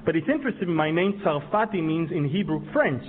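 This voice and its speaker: A man from Israel preaching a sermon on Bible prophecy, building from quiet explanation to loud, emphatic declarations. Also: on the high side, expressive, brisk. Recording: tinny phone-like sound with long hall reverb.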